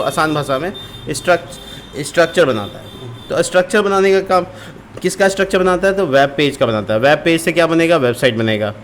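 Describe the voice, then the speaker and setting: A coding tutor with a fairly high, fairly bright voice teaches a screen-recorded programming lesson step by step, repeating terms and using lots of fillers. There's slight background noise.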